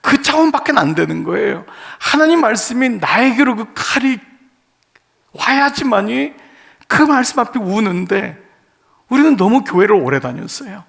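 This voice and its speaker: Guy pastor giving a sermon, kinda high pitched, gravelly, lots of questions to the church. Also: expressive, normal speed, fairly bright tone. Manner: earnest, speaks in short phrases with rhetorical questions to the congregation. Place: church sanctuary.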